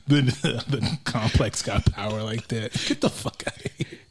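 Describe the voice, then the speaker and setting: A man's voice: medium pitch, unhurried, slight background noise. A young man co-hosting a podcast in casual chat, often laughing and crude. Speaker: podcast co-host.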